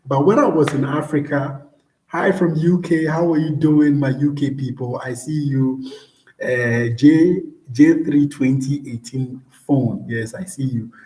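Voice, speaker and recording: A man's voice: mid-range voice, measured pace, dark tone. A young Ghanaian man vlogging from home and answering viewers in a live stream, in an easygoing way with repeated words and many fillers. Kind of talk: casual live-stream chat. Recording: echoey room.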